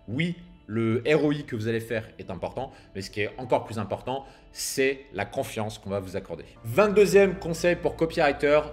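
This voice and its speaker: A man coaching copywriters in a casual monologue to camera, filmed outdoors at sunset. He speaks in a punchy, emphatic way, with slang and the odd swear word. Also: medium pitch. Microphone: camera filming himself.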